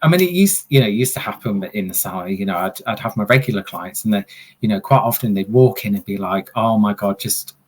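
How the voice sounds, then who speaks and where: A man's voice: lowish voice, expressive, quick pace, darkish tone. A man, a hairdresser hosting a casual video-call chat, talking in loose, restarting sentences. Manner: chatty, many restarts and fillers. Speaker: host and hairdresser. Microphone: video call microphone.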